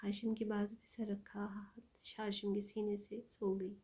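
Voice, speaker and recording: A woman narrating an emotional story in a soft, half-whispered reading voice. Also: medium pitch, monotone, slightly rough.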